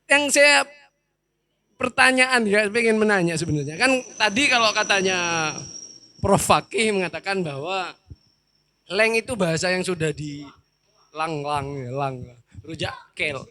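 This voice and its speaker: A man's voice: sits high, bright, forceful tone, no echo. A man in a casual discussion, asking a question hesitantly and searching for words.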